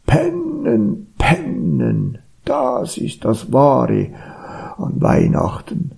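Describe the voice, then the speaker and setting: A lazy storybook badger drawls about sleep in a voice pitched far up. The tone is rough and husky. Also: male voice, wildly swooping pitch, drawn-out words, mellow, heavily acted. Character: lazy sleepy badger who loves naps.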